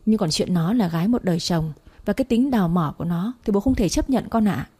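A woman's voice: medium pitch, expressive, fast talker, dark tone, breathy edge. A woman voicing a stern father who lectures his son about the girl he loves. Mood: stern, lecturing. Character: stern older father, disapproving and controlling.

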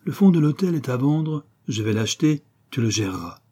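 Jovial scheming crook, bluff and teasing, mellow husky voice, read by a man. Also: on the high side, sing-song, moderate pace, voice pushed up.

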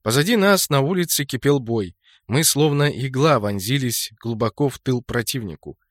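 A man's voice: normal speed, dry recording. Male audiobook narrator, dry and close. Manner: steady storytelling, jumps higher and louder for shouted lines. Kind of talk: scripted narration of a fantasy game novel.

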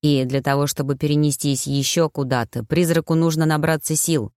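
A woman's voice: sits low, fairly even intonation, brisk, a little mellow, no echo, clean studio sound, close to an everyday voice. A woman reading an audiobook, voicing a stern, calculating mother who threatens her son and plans ahead. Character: cold, scheming widowed mother.

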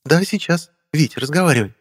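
A man's voice: a little high, lively intonation, a little fast, husky, voice pushed up. A man putting on a doting young wife. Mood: eager, doting. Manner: eager, doting, hushed. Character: affectionate young woman, narrator's wife.

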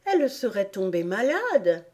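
A woman's voice: medium pitch, sing-song, measured pace, darkish tone. A woman voicing an earnest, inquisitive young girl with an eager, questioning tone in an audiobook. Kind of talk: audiobook character voice.

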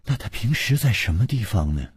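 A man storyteller voicing a quick-tongued young princess who teases and questions impatiently. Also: lowish voice, big pitch swings, slightly rough, no room sound, studio quality, exaggerated voice.

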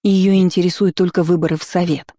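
A woman's voice: on the low side, steady tone, a little fast, mellow, dry recording, clean studio sound, natural voice. A woman voicing a frightened young woman healer who pleads urgently.

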